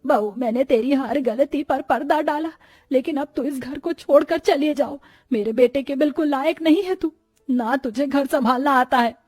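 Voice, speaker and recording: A woman's voice: high-pitched, normal speed, darkish tone, no echo, studio quality, faint music behind, natural voice. A woman voicing a strict, weary older mother-in-law in a storybook, speaking sternly. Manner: stern, complaining. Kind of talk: storybook voice acting.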